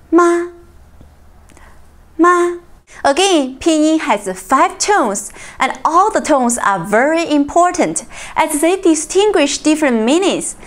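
Slow, lively-voiced woman teaching tones. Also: high-pitched. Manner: slow, clear modelling of tones, friendly. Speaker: Mandarin teacher. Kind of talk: YouTube language lesson.

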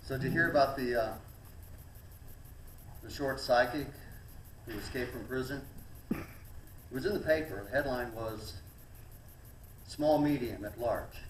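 A man's voice: mid-range voice, measured pace, pauses often, distant mic, a little hiss or hum. A middle-aged man in a church sanctuary who chats and jokes between songs, then sings worship to his own guitar at a stand mic. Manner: relaxed, chatty between songs, tells corny jokes. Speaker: church singer-songwriter. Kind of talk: joking talk and sung worship with guitar. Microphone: stand mic, filmed from a distance. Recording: echoey church, voice off-mic, loud acoustic guitar.

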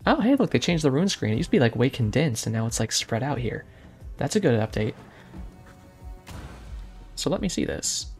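A soft-spoken young man giving casual, rambling gameplay commentary with jokey asides. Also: mid-range voice, sing-song, moderate pace, gravelly, long pauses, soft background music. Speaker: gaming YouTuber.

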